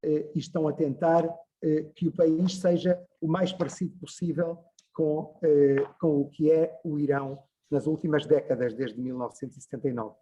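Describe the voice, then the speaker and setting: A man's voice: a little high, fairly even intonation, moderate pace, dark tone. A man, giving an online lecture as a journalist, talking discursively with frequent hesitations over a video call. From Portugal.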